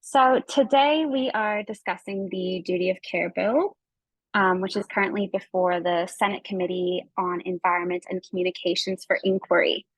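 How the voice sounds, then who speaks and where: A Canadian-accented woman hosts and facilitates an online workshop over a video call, presenting to participants in a friendly, informal manner. Her mid-range voice keeps a moderate pace. The recording is low quality, with no room sound.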